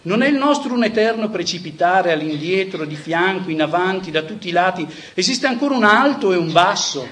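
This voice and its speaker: A man's voice: high voice, expressive, a little fast, few pauses, a bit bright, a little hiss or hum, pitched above the performer's own voice. A man reading aloud the lines of a frantic madman who cries out to a crowd, in a raised, impassioned voice.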